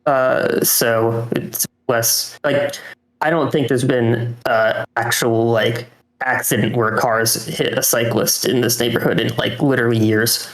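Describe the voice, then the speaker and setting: A man co-hosting a podcast, chatting casually in a hesitant, halting way. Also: mid-range voice, fairly even intonation. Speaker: podcast co-host. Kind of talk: casual chat. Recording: echoey room sound.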